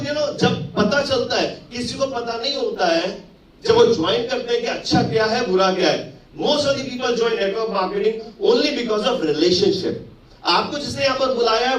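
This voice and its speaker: A man's voice: very high-pitched, far from the mic. A man in his forties with an Indian English accent, giving a motivational stage speech at a network marketing event. He mixes Hindi and English and keeps putting rhetorical questions to the audience. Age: 40s. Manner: switches between Hindi and English mid-sentence. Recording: echoey hall, mic held back from mouth.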